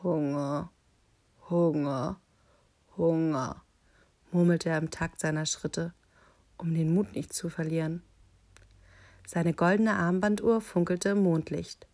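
A woman reading a children's picture book aloud, with calm, deliberate storytelling. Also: lowish voice.

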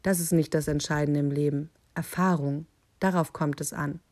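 A woman voicing a hungry, falsely polite male wolf who speaks in a put-on deep voice with a lisp. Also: steady tone, normal speed, darkish tone, close to an everyday voice. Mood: sly. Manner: mock-polite, scheming. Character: smooth-talking hungry male wolf, sly.

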